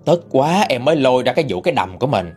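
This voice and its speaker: A man narrating a first-person story in an expressive, indignant manner. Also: mid-range voice, quick pace, husky, faint music behind.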